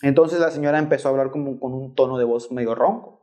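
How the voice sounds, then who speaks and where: A young man telling a story on a podcast, slangy and animated, dropping "güey" constantly. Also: mid-range voice, fast talker. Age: young adult. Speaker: rideshare driver guest.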